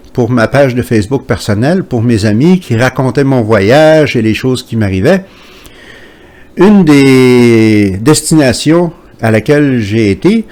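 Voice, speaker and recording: A man from Quebec hosting his channel from home, talking to camera in a hesitant way with many pauses. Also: mid-range voice, a little mellow. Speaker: channel host. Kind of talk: casual commentary to camera.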